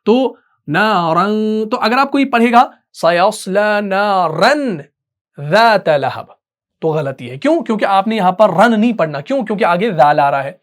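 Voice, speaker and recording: A man teaching Quran recitation in a patient, step-by-step way. He often checks in with his students and chants verses slowly in melodic recitation. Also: high voice, animated. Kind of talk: tajweed lesson.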